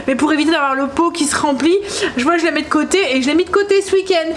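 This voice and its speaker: A woman's voice: high voice, fast. A woman with a northern French accent, chatting casually in a home vlog, rambling with many hesitations. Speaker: vlogger.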